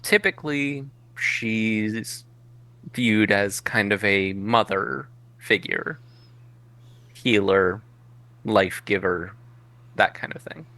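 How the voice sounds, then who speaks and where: Man doing calm caretaker Chiron. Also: lowish voice, slow, long pauses, exaggerated voice. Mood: matter-of-fact. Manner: calm, matter-of-fact, unbothered by sarcasm. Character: calm male caretaker of a paradise, former teacher.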